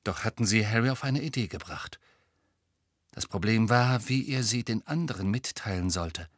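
A man narrating an audiobook in a measured, even storytelling voice. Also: fairly low pitch, dry recording. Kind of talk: scripted narration.

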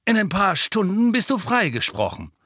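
A man's voice: sits high, huge pitch swings, moderate pace, bright, forceful tone, no echo, clean studio sound, pitched above the performer's own voice, full character voice. A man doing a kindly wizard father. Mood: reassuring. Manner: encouraging. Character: kindly middle-aged wizard father, reassuring.

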